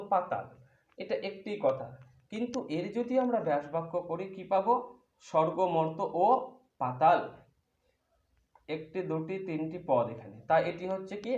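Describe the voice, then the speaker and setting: A man's voice: on the high side, a little mellow. A man teaching a grammar lesson, patiently explaining each point step by step with examples. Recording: echoey room, dull lo-fi sound.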